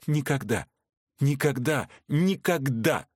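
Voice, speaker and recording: A man voicing a defiant young woman in an audiobook, shouting her hatred, his voice raised higher than his own. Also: expressive, takes it slowly, husky, dry recording, studio quality.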